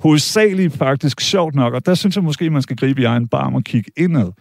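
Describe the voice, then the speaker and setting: A man's voice: medium pitch, creaky, darkish tone, no echo, clean studio sound. A man in a heated debate, blunt and argumentative, swearing casually.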